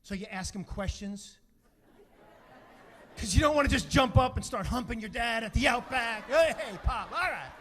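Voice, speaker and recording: A middle-aged man doing stand-up comedy, telling an animated story, bursting into shouts and often asking "right?". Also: very high-pitched, normal speed, long pauses, some chatter behind, a little hiss or hum.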